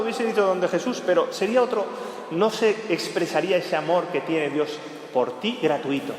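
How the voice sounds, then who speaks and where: Emphatic priest preaching in an echoey church. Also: male voice. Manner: emphatic, swinging between raised urgent phrases and low quiet ones; preaches in short repeated clauses addressed to the listener. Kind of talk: weekday homily. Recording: echoey church hall with long reverb.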